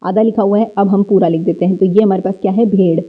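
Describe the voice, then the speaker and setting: A woman teaching young children a worksheet lesson, going slowly, repeating words and answering her own questions. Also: medium pitch, steady tone, clean tone. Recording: slightly dull, lo-fi audio.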